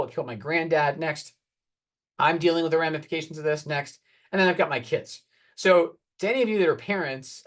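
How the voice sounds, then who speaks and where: Candid man presenting a talk. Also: fairly high pitch. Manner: candid, earnest, wry; calls for next slides. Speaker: oncologist giving a talk. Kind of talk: conference presentation.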